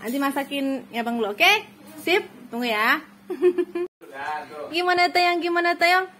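A woman's voice: very high-pitched, unhurried, a bit bright, a little hiss or hum. A woman filming children for a family vlog, cooing, cheering and laughing often as she talks to them. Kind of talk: casual family vlog chatter.

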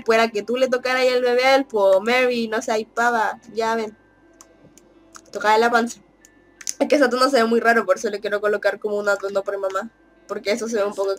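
A young woman talks her way through a life-simulation game in a chatty, teasing tone, with lots of quick laughs. Her voice sits a little high. Faint game music plays under her. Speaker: gaming YouTuber. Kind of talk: casual Let's Play commentary.

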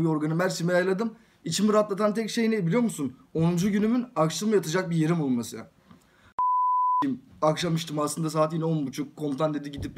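Young man telling a rapid barracks tale. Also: a little high. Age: young adult. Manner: storytelling, repeats "dedim" after every phrase. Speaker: soldier telling a story. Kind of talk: casual anecdote.

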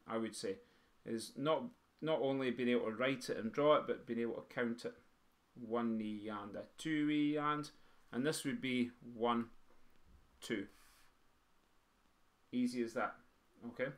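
A man's voice: medium pitch, a bit bright. A man teaching pipe band drummers to write music, counting beats aloud and singing the rhythms in drum syllables. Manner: sings drum rhythms in vocables; quizzes the students. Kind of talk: teaching a music theory lesson.

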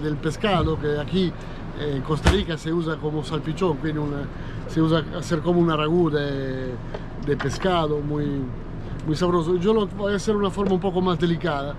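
A man's voice: fairly high pitch, background noise. A middle-aged man with an Italian accent, a chef talking casually about cooking fish, hesitant with many fillers, outdoors on a small boat at sea.

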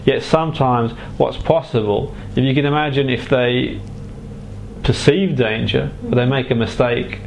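A man speaking as a hypnotherapist to a client, guiding and explaining in halting, deliberate phrases with pauses. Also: mid-range voice, steady tone, creaky, slight background noise, rough recording. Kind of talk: guided relaxation and explanation to a client.

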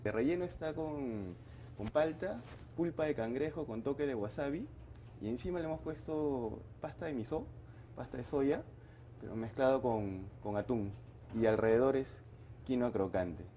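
In a restaurant kitchen and sushi bar, a chef in his forties explains his dishes during a casual kitchen interview. His mid-range voice is warm, but his speech is halting, full of restarts and fillers, and a little hiss or hum runs through the audio.

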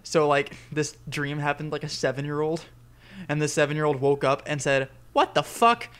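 A man co-hosting a casual comedy podcast who jokes and riffs in quick asides. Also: a little high, monotone, clean tone. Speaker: podcast co-host.

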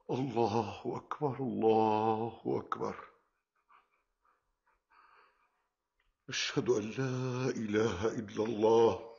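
A man's voice: rumbling low, muffled recording. An actor playing a solemn, devout middle-aged family man in a Syrian period drama, grave in manner, with a Damascene accent.

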